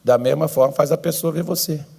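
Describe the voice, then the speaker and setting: Brazilian male pastor, high-pitched, impassioned church sermon with big swings in volume. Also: creaky, husky. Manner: preaching with sweeping swings between loud, drawn-out cries and low asides.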